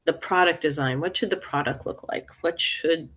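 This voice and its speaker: A woman's voice: low-pitched, normal speed, fairly bright tone, slightly rough. Thoughtful woman in her sixties. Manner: thoughtful, meandering with restarts and small laughs. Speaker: interview guest. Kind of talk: casual interview talk.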